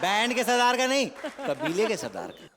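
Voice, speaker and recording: A man's voice: high voice, huge pitch swings, normal speed, a crowd in the background. A man playing a flustered young suitor from a neighbouring tribe in a stage comedy sketch. He stammers and sounds exasperated. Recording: audience laughter, noisy stage recording.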